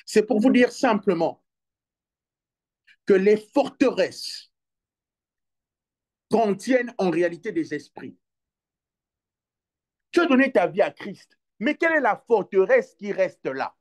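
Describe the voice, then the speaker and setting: A man with a high voice preaching a lively sermon. He acts out short exchanges with his flock and breaks into sudden loud cries. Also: slow, pauses often. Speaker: pastor.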